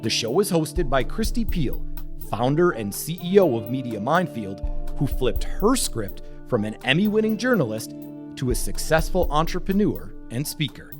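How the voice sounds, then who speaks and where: Lively male podcast announcer. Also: mid-range voice, normal speed. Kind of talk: scripted show intro. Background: guitar music.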